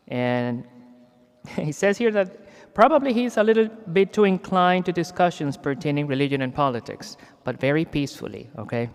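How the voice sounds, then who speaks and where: Smooth-voiced man introducing a speaker in a church. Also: medium pitch. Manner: chatty, joking, with many fillers. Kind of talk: event introduction and announcements. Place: large echoey church. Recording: long hall reverb in a church.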